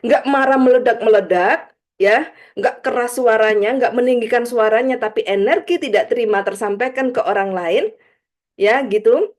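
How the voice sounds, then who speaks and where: A woman's voice: on the high side, normal speed. A woman giving a live spiritual study talk in a chatty way, laughing often and tagging her points with little asides. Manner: chatty, laughs often, frequent "gitu ya" tags; acts out examples in quoted voices. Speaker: spiritual teacher.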